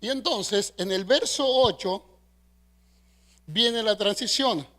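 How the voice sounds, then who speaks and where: A middle-aged man with a Mexican Spanish accent preaching a sermon as pastor, leading the congregation in call-and-response and swinging between loud emphasis and soft asides. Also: high voice, slow. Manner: preaching with call-and-response, asking the congregation to repeat after him.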